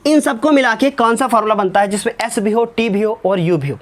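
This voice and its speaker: High-voiced man teaching physics numericals. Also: brisk. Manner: keeps checking that students follow, repeats each step; fond, fatherly address to students. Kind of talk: whiteboard lesson solving numericals.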